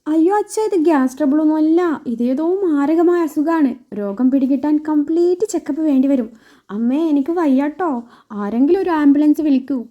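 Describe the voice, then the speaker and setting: A woman's voice: high-pitched, expressive, a little fast, warm tone, dull audio. A woman voicing a sulky, scheming young bride who fakes illness with dramatic whining complaints. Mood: wailing, dramatic.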